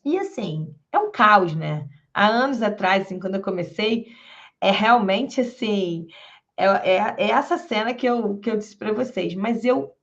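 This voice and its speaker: A woman, a public defender, giving a lecture and telling stories from her career in a lively way, acting out the people she quotes, with a Rio de Janeiro accent. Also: medium pitch, measured pace. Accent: Rio de Janeiro Portuguese. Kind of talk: storytelling lecture. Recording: dull lo-fi sound.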